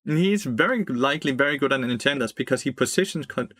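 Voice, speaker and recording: A man's voice: medium pitch, expressive, brisk, fairly bright tone, no room sound, studio quality. A young man streaming a game, giving blunt, profane commentary, laughing and answering chat. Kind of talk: casual gameplay commentary.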